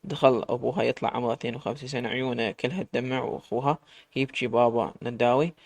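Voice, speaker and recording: A man's voice: medium pitch, fairly even intonation, gravelly, slightly rough, no echo. A man with an Iraqi Arabic accent narrating a dramatic story in the first person, emotional in his telling. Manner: emotional, fast-paced telling.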